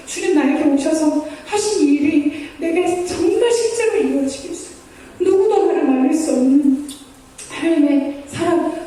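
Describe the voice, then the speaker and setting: A woman's voice: very high voice, warm tone. A woman missionary preaching a sermon, earnest and pleading, acting out prayers in the first person. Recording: echoey hall from far off.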